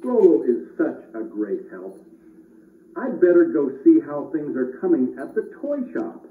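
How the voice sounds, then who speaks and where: A man playing a kindly, reassuring old Santa Claus in a children's puppet show, measured and fatherly. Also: fairly high pitch, very animated. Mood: pleased. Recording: noisy, roomy, distant, muffled phone-like audio.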